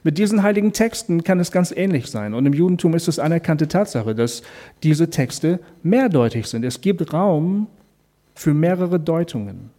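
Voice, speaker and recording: Guy doing a calm faith talk, kinda high voice but warm and soft, talks right to you, lots of questions. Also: moderate pace. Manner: explains calmly, speaks directly to the listener; asks rhetorical questions.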